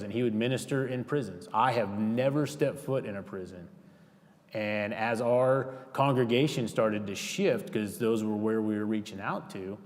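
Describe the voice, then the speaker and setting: A man's voice: medium pitch, darkish tone. A man giving a casual, rambling safety training talk in a church, often restarting his sentences. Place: church hall. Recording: reverberant hall.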